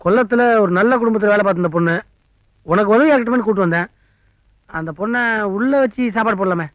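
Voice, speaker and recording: Actor as a glib, fast-talking young son. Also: male voice, sits high, no echo, natural voice. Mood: coaxing. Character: glib young son hiding secrets from his mother. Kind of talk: film comedy-drama dialogue. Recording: muffled lo-fi film audio.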